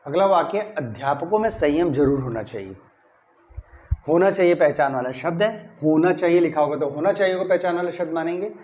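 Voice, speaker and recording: High-voiced male grammar teacher. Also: darkish tone. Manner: explains step by step, often asks "clear?"; stresses key words when saying model sentences. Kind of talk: classroom-style grammar lesson.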